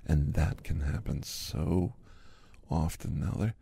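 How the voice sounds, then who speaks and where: A man's voice: extremely low pitch, fairly even intonation, takes it slowly, creaky, mellow, breathy edge, dry recording, exaggerated voice. A man doing a whispered role-play as a chatty doctor in his fifties who gives a massage, rambling easily in a half-whispered voice. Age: 50s. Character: chatty fifty-something male doctor giving a massage. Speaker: ASMR host.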